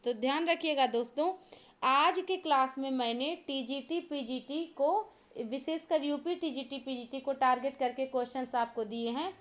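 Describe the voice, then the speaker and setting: Woman, teacher, high voice, exam-prep lecture, repeats key points. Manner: explains step by step, repeats points, asks the class to answer.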